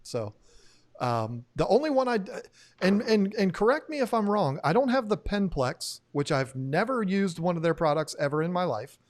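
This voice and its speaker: Male live-stream host, fairly high voice, loose and rambling, laughs easily. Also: sing-song, moderate pace. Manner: rambling, laughs often, trails off mid-sentence. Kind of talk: casual live-stream chat. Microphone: new studio microphone.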